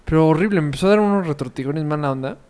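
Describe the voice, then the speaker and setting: A man's voice: fairly high pitch, very fast, background noise. A man with a Mexican Spanish accent, co-hosting a podcast and making joking asides in casual chat.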